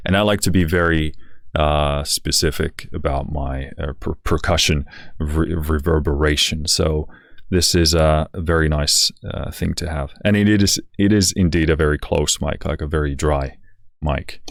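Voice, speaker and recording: A very tired man giving a casual music software walkthrough, speaking haltingly with slightly slurred words. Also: a bass voice, steady tone, no echo, clean studio sound.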